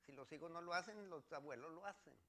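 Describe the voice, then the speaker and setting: A man's voice: fairly high pitch, quick pace, sharp tone. A man from Mexico, preaching a sermon as pastor and reading scripture verses with earnest repetition.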